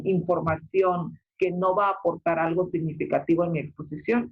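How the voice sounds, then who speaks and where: A secondary school teacher gives an online class lecture, explaining step by step and often filling pauses with "este" and checking in with "¿ok?". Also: medium pitch. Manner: explanatory, frequent filler "este" and check-ins like "¿ok?". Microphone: video call. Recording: muffled video-call audio.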